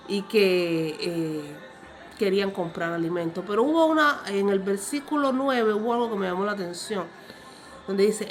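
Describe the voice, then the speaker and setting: A woman giving Bible teaching in an unhurried, reflective way, pausing with fillers and speaking to her listeners directly. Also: mid-range voice.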